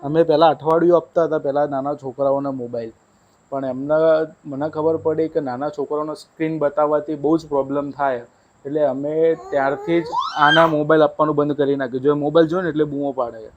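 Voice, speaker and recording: A young man talks casually into a handheld mic at home at night, running a family vlog. His voice sits a little high for a man, and the sound is a touch dull and lo-fi. He chats easily and keeps coaxing a small child. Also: fairly even intonation, fairly quick. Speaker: vlogger.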